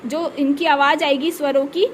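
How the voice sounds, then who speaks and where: A woman's voice: high-pitched, steady tone, moderate pace, a little hiss or hum. A woman teacher explaining a grammar lesson step by step, often checking in with her class. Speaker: school teacher.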